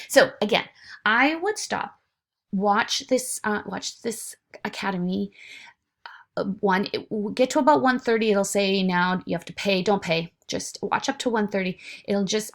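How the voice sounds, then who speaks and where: A woman's voice: mid-range voice, moderate pace, creaky. A woman lecturing informally to her students, with frequent fillers and restarts. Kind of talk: recorded online lecture.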